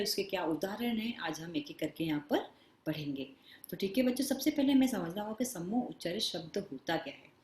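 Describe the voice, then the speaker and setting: A woman teaching a grammar lesson to schoolchildren, calling them children often and slowing down to dictate words. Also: mid-range voice, darkish tone, roomy sound. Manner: addresses pupils as children, slow stressed dictation. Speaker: Hindi teacher.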